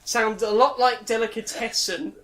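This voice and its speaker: A woman's voice: fairly high pitch, fairly even intonation, normal speed, fairly bright tone. A woman hosting a casual comedy podcast, upbeat and steering the segments. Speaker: podcast host.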